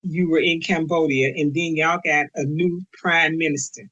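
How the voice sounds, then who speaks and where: A woman hosting a podcast interview, asking questions and giving soft, encouraging "mm-hmm"s. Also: sits low, steady tone, normal speed, muffled recording. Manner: warm encouraging prompts, many soft "mm-hmm"s. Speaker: podcast host.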